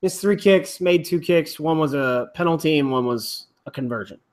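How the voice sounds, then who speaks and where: A man's voice: fairly high pitch, normal speed. A man hosting a casual chat, rambling with restarts and the odd swear. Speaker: rugby podcast host.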